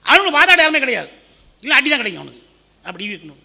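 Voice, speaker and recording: A male preacher with a Tamil accent delivers a dramatic sermon in a high, animated voice. His tone is very bright and has a gravelly rasp. He swings between loud pleading and hushed, quiet tones. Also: very fast. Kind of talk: sermon with an acted-out story.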